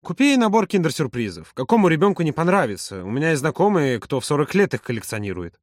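A man's voice: fairly high pitch, sing-song, quick pace, no echo, clean studio sound. A man reading an audiobook, voicing an easygoing, joking man who talks offhand. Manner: offhand, shrugging.

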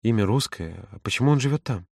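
A man voicing a grieving, resigned mother who speaks softly and sorrowfully. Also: on the low side, lively intonation, fast, vocal fry, husky, no room sound, studio quality, exaggerated voice. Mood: quiet, probing. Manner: soft, sorrowful, quiet. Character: grieving mother, aging woman, resigned and tender.

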